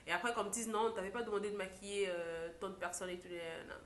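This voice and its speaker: A young woman, a makeup artist, telling a story in a lively vlog style and acting out what others said. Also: mid-range voice, fast talker, slight background noise. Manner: animated storytelling, acts out quotes. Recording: echoey room.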